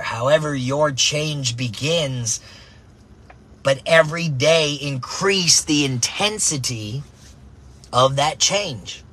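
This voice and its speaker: A man coaching softball who talks in an energetic motivational monologue, tagging his points with "right?" and "man", recorded in a car. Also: on the high side, husky.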